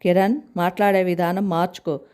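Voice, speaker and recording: A calm elder brother who asks questions gently, as a woman reads him aloud. The voice sits low and soft-edged, steady and plain. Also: brisk, smooth, lightly acted. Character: calm adult man, elder brother of the house.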